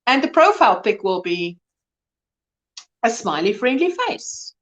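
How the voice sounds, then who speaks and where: A woman's voice: medium pitch, sing-song, measured pace, a bit bright. A woman in her early fifties hosting a live crochet chat. She talks casually, reads and answers viewers' comments, and laughs often. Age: 50s.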